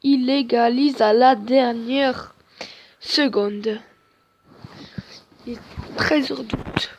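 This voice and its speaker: A woman's voice: on the high side, fairly even intonation, drawn-out words, a little hiss or hum. A woman commenting on her own football video game, chatting casually and cheering her players on play by play. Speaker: gamer.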